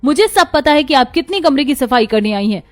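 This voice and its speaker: A woman voicing a young daughter-in-law and a sulky daughter in a cartoon, gentle or sharp by turns. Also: fairly high pitch, lively intonation, brisk, natural voice. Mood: petulant.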